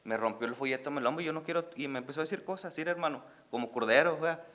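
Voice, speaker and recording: A Mexican man preaching a sermon as pastor, swelling into emphatic calls of "hermanos" and dropping to a hushed tone to tell his testimony. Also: medium pitch, rapid-fire. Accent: Mexican Spanish. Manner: drops to a soft, hushed storytelling voice for his testimony. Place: church service.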